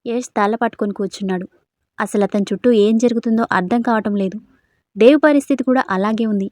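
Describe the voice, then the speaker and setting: Female storyteller, highish voice, dry close sound, steady expressive reading. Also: quick pace, no echo.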